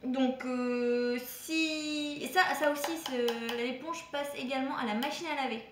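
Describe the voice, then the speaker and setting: High-voiced chatty woman vlogger, roomy sound. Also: fairly even intonation, measured pace, background noise. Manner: chatty, hesitant, many fillers and restarts. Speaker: beauty vlogger. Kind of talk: casual product haul review.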